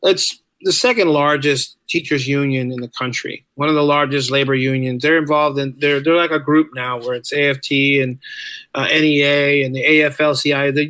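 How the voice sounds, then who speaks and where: Here a male writer and musician chats as a podcast guest in a casual conversational interview, talkative and informal. He often repeats phrases to stress a point. His mid-range voice is a bit bright, and there's no echo.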